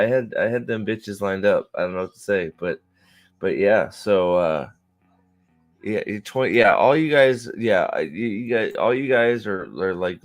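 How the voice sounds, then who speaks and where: A man in his forties chatting casually on a livestream, joking around and rambling with lots of restarts and fillers. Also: lowish voice. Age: 40s. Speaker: streamer. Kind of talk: casual chat.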